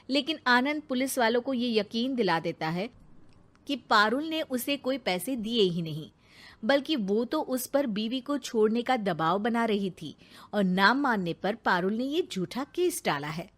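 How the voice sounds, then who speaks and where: A woman narrating a cartoon moral story in a measured storytelling manner. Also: on the high side, expressive.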